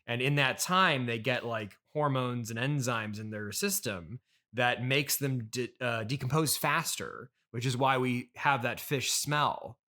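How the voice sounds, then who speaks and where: A man in his thirties hosts a casual, improvised comedy interview as a podcast host and interviewer, sounding hesitant and questioning with a dryly pedantic streak. His mid-range voice is a little slow and sharp in tone.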